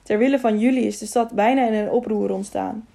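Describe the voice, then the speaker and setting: A woman's voice: medium pitch, fairly even intonation, a little fast, creaky, dark tone, natural voice. A woman reading the part of a stern, honest older male councillor who speaks firmly and with authority. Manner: firm, commanding.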